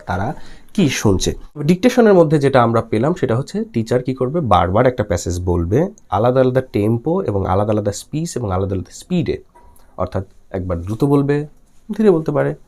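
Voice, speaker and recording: This is a young man from Bangladesh giving a recorded lecture, his voice rising and falling in a lively way. He reads out English lines at a slow, deliberate pace and then explains them again. He keeps asking his listeners questions and answering them himself. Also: mid-range voice. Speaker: teacher. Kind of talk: recorded exam-prep lecture.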